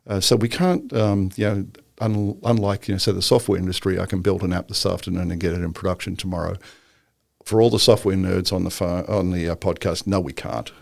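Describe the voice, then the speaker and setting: Deep gravelly man, rambling talk. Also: fairly even intonation, fairly quick, no room sound, clean studio sound. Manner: rambling, filler-heavy, joking. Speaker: guest entrepreneur. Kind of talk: casual interview chat.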